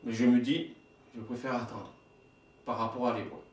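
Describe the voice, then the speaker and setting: A man in his forties with a medium-pitched, fairly flat voice preaches at a moderate pace in a small indoor worship room. He reads passages aloud and explains them with rhetorical questions, occasionally stumbling and correcting himself. The room is echoey and he sounds distant from the mic.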